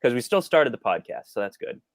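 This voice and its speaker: A man's voice: medium pitch, big pitch swings, a little fast, no echo, studio quality. A man co-hosting a podcast, joking around and repeating phrases as he talks. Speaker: podcast co-host. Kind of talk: casual podcast chat.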